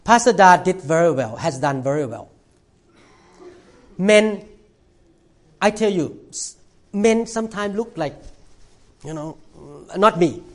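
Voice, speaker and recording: A man's voice: high-pitched, animated, slow, long pauses. A middle-aged male pastor who is a non-native English speaker with simplified grammar, preaching a sermon with emphatic, repeated short phrases. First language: not English. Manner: emphatic short exhortations, repeats phrases, asks congregation for amens.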